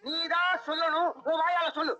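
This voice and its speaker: An actor playing a gullible, mocking comic moneylender with a drawn-out way of talking, from an old film soundtrack. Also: male voice, very high-pitched, little pitch movement, bright, forceful tone, highs cut off, faint music behind. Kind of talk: 1980s Tamil film dialogue.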